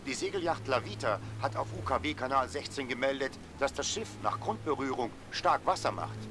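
A man's voice: medium pitch, animated, brisk. A man voicing a lifeboat coxswain who reports an emergency over a marine radio call, in clipped, formal words. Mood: urgent report. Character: calm male coxswain of a rescue boat. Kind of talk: scripted game dialogue. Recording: noisy game audio.

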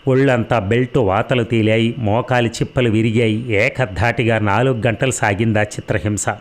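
A man reading a novel aloud as an audiobook narrator, in a steady, dramatic telling. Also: mid-range voice, normal speed.

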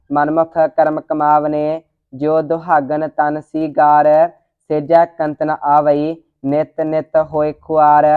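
A student slowly reciting scripture line by line in a steady monotone. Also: medium pitch, clean tone, no room sound, narrow, tinny audio. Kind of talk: slow chanted scripture recitation.

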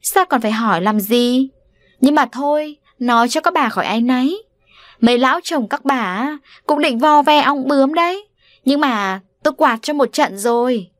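A woman reading an audiobook voices a brash, scornful pregnant village woman who mocks and scolds in a shrill, high voice. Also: moderate pace, no echo, natural voice. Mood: mocking.

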